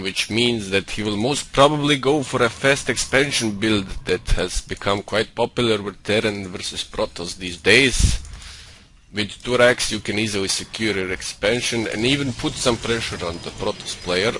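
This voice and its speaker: A man's voice: lowish voice, bright, forceful tone. A man putting on a Russian accent for comic effect, commentating on a video game in a cocky, condescending manner. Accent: put-on Russian. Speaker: StarCraft game caster and streamer. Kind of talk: live-style game commentary. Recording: home computer mic with faint noise.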